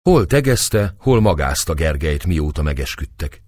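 A man narrating a novel as an audiobook, expressive storytelling. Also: extremely low pitch, no echo. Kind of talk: scripted narration.

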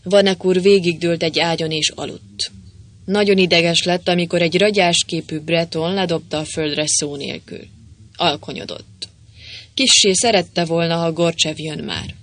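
A reader narrating a comic adventure novel aloud, with playful, lively voicing of the dialogue. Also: mid-range voice. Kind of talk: audiobook narration with character voices.

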